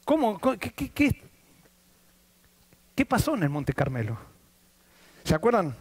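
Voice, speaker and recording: Male pastor, high lively delivery, preaching in church through back-and-forth questions. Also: a little slow, husky. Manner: asks the congregation questions and answers them. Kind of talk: sermon.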